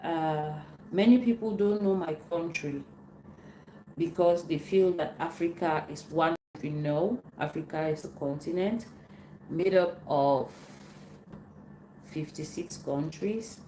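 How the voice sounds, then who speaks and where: A woman from Cameroon, hosting a casual live Q&A and answering viewer questions, unhurried and often repeating herself as she searches for words. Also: low-pitched, warm tone. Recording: roomy echo, faint background noise.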